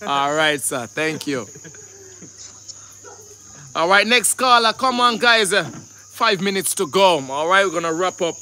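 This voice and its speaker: A Jamaican man hosts a live call-in stream in a high, bright voice. He moves briskly from caller to caller with upbeat shout-outs. A faint hiss sits under his voice. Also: expressive. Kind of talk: live call-in show hosting.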